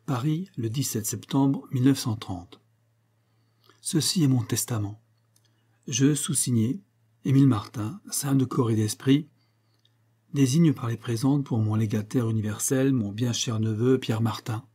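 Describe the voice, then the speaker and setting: A man's voice: mid-range voice, measured pace, mellow, slightly rough. A man voicing a cold, polite old notary who reads out a will in a formal, solemn tone.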